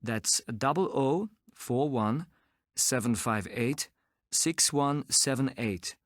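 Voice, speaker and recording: A man's voice: mid-range voice, takes it slowly, no echo, clean studio sound, close to an everyday voice. An actor playing a polite businessman who leaves a voicemail, carefully repeating his phone number. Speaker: business caller. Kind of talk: scripted role play for a language course.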